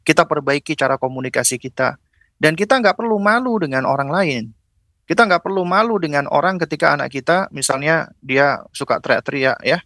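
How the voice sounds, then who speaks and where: A male preacher delivering a parenting lecture with a bright, clear voice. He explains step by step and keeps adding short "ya" check-ins as he goes. The sound is dry and close, with no room echo. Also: on the high side, expressive, brisk. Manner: explains step by step, acting out gentle parent-child dialogue; fills with "ya" and "apa namanya".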